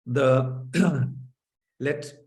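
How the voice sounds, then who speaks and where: A man from Germany hosting a webinar over a video call, speaking haltingly with many fillers and restarts. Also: mid-range voice, a little mellow, roomy sound. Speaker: webinar host. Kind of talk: hesitant opening remarks on a video call.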